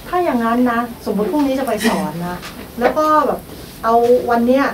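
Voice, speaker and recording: A woman's voice: on the high side, brisk, far from the mic, noisy background. A woman coaching a teacher through a goal, guiding her with prompting questions. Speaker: workshop coach. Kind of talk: coaching dialogue.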